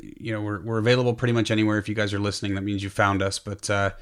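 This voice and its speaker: Man, lowish voice, flat intonation, halting casual podcast host. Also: smooth. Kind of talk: casual chat.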